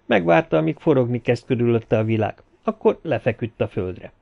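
Egy férfi, aki kifejezően, szövegből olvasva egy történetet mesél el felolvasóként. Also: male voice, mid-range voice, creaky, muffled recording. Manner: expressive storytelling. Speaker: audiobook narrator. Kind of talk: scripted narration.

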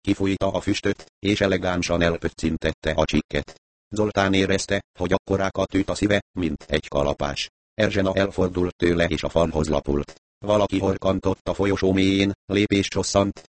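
A man narrating an audiobook in a steady, measured reading. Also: sits low, no room sound.

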